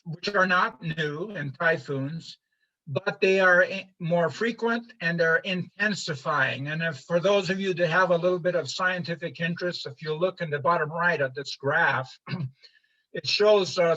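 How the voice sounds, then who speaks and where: Older man lecturing, bright muffled voice. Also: sits high. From Honduras. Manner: halting, many fillers and restarts. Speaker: presenter. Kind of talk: informal slide lecture. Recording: muffled lo-fi livestream audio.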